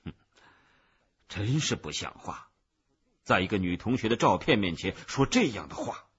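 A man's voice: on the low side, sing-song, normal speed, a bit bright, voice pushed down. A man doing a scornful schoolteacher. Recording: muffled lo-fi recording.

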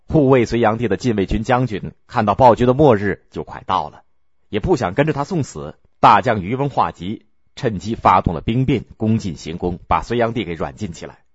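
Male storyteller, lively pitch, dry close sound, measured delivery. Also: breathy edge, dry recording. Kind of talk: scripted historical story narration. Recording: dull lo-fi recording.

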